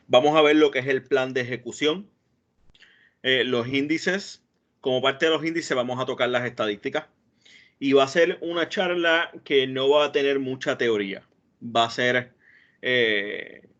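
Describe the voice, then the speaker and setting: A man's voice: mid-range voice, a bit bright. Guy giving a tech talk over a call, lots of ums and restarts, mid voice, kinda dull lo-fi audio. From Puerto Rico. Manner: hesitant, many fillers and restarts. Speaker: database administrator giving a talk. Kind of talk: online technical presentation. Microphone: computer mic on a video call.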